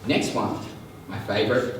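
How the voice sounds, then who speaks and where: A man's voice: fairly low pitch, normal speed, background noise. A male sales trainer teaching a live seminar, chatty and often checking that the audience is following. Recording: echoey room, mic far off.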